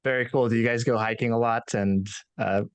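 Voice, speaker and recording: A man's voice: mid-range voice, steady tone, a little fast, smooth, no room sound. A young man hosting a podcast interview over a video call, asking friendly, casual questions through a headset. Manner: friendly questions with small laughs. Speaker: podcast host. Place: home office, indoors.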